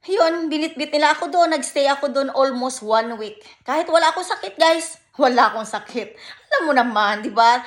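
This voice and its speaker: A woman's voice: on the high side, fairly bright tone. A middle-aged Filipina woman vlogging in a personal, pleading tone, switching between Tagalog and English with a Filipino accent and calling her viewers "guys". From Philippines. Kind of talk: emotional personal vlog talk.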